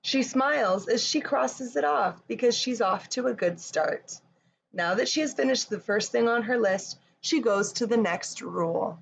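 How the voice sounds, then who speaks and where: A Canadian woman reads a picture book to children and leads them through yoga with simple, encouraging cues in a room. Her voice is on the high side, expressive, unhurried and creaky, and the recording has roomy echo, a distant mic and background noise.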